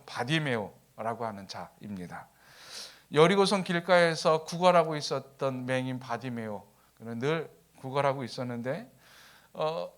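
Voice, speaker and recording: A man's voice: mid-range voice, a bit bright. A male pastor preaching a sermon in a conversational storytelling way, acting out the quotes in his story. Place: church, Friday evening service.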